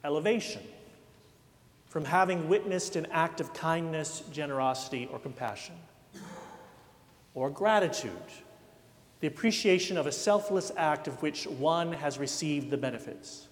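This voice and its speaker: Brief: male pastor, slightly high voice, relaxed storytelling sermon, long church reverb. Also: measured pace. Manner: warm, conversational, anecdotal preaching. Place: church sanctuary.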